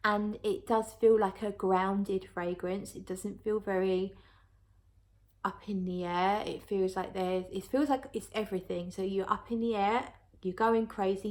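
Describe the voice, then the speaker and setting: A woman's voice: medium pitch, steady tone, moderate pace, darkish tone. A woman talking casually to viewers as a reviewer, chatty and thinking aloud as she goes. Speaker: perfume reviewer.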